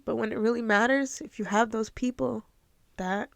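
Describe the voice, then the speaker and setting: This young woman, hosting her own podcast, offers casual motivation in an earnest, emotional manner that sometimes nears tears. Her voice is on the high side with vocal fry, at a moderate pace, and there is no room sound.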